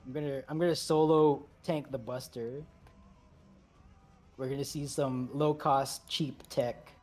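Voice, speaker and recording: A man leading a game raid, calling out instructions briskly, repeating commands and slipping in joking asides. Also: medium pitch, fairly even intonation, darkish tone. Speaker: raid leader. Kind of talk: calling instructions over voice chat while gaming.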